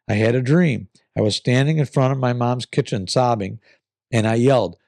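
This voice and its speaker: A man with a mellow, raspy voice reads listener stories in a casual, earnest way. He sounds like he is getting over an illness, with a gravelly creak to his words. The sound is dry, with very little room around it. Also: mid-range voice, no room sound. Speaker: host reading listener-submitted stories. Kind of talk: casual storytelling, reading letters aloud.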